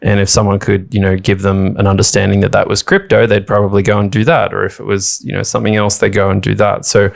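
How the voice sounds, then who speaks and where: A man's voice: lowish voice, level tone, quick pace, vocal fry, few pauses. A man co-hosting a podcast, thinking aloud in a rambling, casual way. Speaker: podcast co-host.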